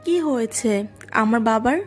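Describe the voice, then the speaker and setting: A man putting on a shrill grieving mother. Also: a little slow, soft background music. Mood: anguished. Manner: accusing, wailing. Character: grieving older mother, fierce and reproachful.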